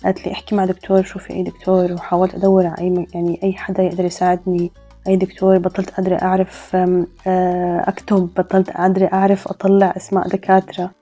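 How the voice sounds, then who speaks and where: A woman tells a personal story in a reflective, hesitant way. Her voice is low and mellow, and her level, flat delivery moves quickly. Soft music plays faintly behind her. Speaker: storyteller guest.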